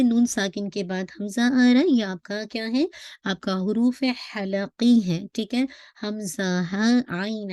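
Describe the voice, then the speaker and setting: A woman teaching Quran recitation. She explains patiently, mixes in English terms, and says the sounds slowly and drawn out to model them. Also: mid-range voice, darkish tone, no echo, clean studio sound. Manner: mixes English words into her explanations, checks in with "okay?". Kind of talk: tajweed lesson.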